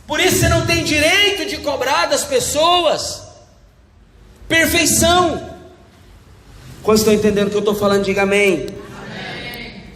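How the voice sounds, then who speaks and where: A man's voice: very high-pitched, normal speed, long pauses, fairly bright tone. A male pastor preaching a sermon, acting out little scenes and calling out to the congregation. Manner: preaching with acted-out quotes, calls to the congregation. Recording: echoey hall with faint ambience.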